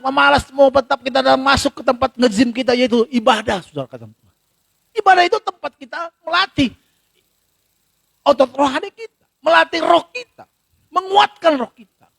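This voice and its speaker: A man's voice: extremely high pitch, creaky, a bit bright, no echo. A male pastor in a church gives a sermon in a conversational, storytelling way, acting out bits of dialogue.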